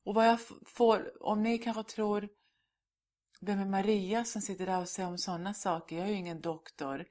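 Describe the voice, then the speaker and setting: A woman's voice: mid-range voice, a little mellow. A middle-aged woman answering interview questions in a candid, emphatic way, slipping in English words.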